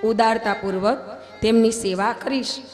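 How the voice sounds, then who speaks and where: A woman with a fairly high voice, speaking at normal speed, leads a wedding ceremony at a religious gathering. She recites the vows and preaches with emphasis, growing louder on the key points, as long hall reverb and faint music surround her.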